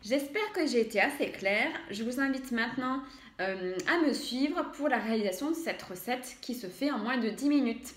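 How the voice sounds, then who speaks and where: A woman's voice: fairly high pitch, expressive, normal speed, fairly bright tone, echoey room. A woman walking through a recipe in a casual cooking tutorial at home, chatty and hesitant, with many fillers and self-corrections. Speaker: home cook demonstrating a recipe.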